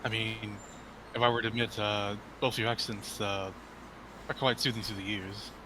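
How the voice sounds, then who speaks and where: A man playing a tabletop game, speaking hesitantly with many pauses over a voice call. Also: on the low side, flat delivery, bright, forceful tone, slight background noise, low-quality recording. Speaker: player.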